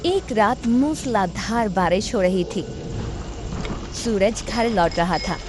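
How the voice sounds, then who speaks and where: A woman narrating a cartoon story in measured, plain storytelling. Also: mid-range voice, lively intonation, over music. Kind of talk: scripted narration.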